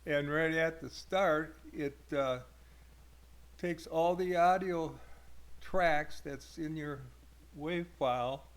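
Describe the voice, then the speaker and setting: Slow, hesitant man demoing his software. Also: on the high side. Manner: hesitant, with many uh fillers and restarts. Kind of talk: casual screen-recorded tutorial.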